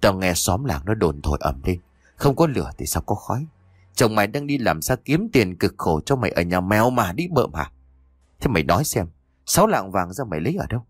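Jealous husband yelling accusations fast, a guy doing the voice, lowish and swinging. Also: big pitch swings, breathy edge, no echo, clean studio sound. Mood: raging. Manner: snarling, rapid accusing outbursts. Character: jealous furious village husband, raging.

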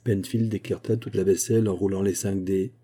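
Male audiobook narrator, measured and expressive, very dark husky voice. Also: deep voice. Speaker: audiobook reader.

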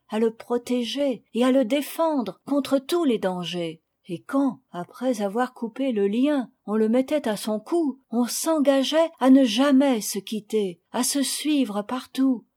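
A woman reading a children's novel aloud, with calm, measured storytelling that rises in dramatic moments. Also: on the high side. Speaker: audiobook reader. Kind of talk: scripted narration.

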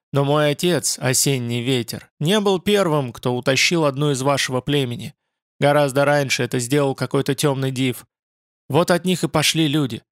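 A man voicing a proud, gruff young loner with a dark reputation, speaking bluntly and dismissively. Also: medium pitch, no room sound, studio quality, natural voice.

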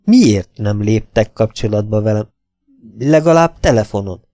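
A man's voice: on the low side, animated, mellow, no echo, studio quality, soft background music, pitched below the performer's own voice, close to an everyday voice. A man voicing a tense young man in an audiobook, speaking in agitated, demanding bursts.

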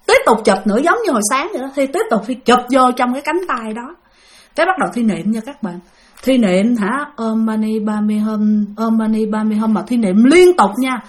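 A woman's voice: high-pitched, fairly bright tone. A woman casually telling a spooky first-person story, referring to herself in the third person and speaking directly to her listeners.

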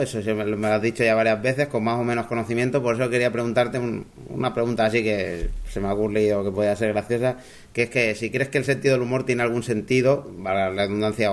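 A man with a fairly low voice asks questions in an interview held in a hotel. He speaks hesitantly, stopping and restarting as he feels his way into each question. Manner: hesitant, repeats words while forming questions. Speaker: interviewer, doctoral researcher.

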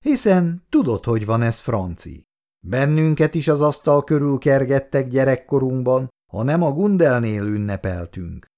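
A man's voice: medium pitch, very animated, mellow. A man reading as a mild middle-aged father.

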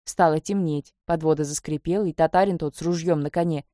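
A woman's voice: low-pitched, steady tone, fairly quick, mellow, no echo, clean studio sound. A woman reading aloud a first-person story told in folksy, plainspoken narration. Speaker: audiobook reader.

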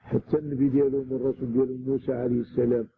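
Gravelly Moroccan man teaching scripture. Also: mid-range voice, little pitch movement, very fast. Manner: explanatory, repeats key words for emphasis. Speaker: religious teacher. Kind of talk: scripture commentary lesson. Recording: tinny lo-fi recording with loud noise.

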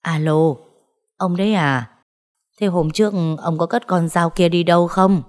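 Woman reading as anxious old village wife, fussing, flustered, low voice. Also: measured pace, darkish tone, lightly acted. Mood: puzzled.

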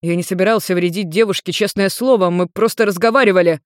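A narrator voicing a confused blond male demon who speaks softly and wryly. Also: mid-range voice, steady tone, fast talker, no echo, studio quality, lightly acted. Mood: defensive.

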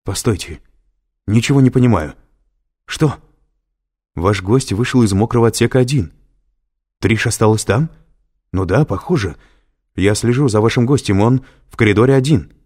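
A man's voice: on the low side, animated, normal speed, long pauses, a little mellow, husky, voice pushed up. Man voicing a flustered security guard. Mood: alarmed. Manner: flustered, rising alarm. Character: nervous male security guard. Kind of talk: audiobook reading.

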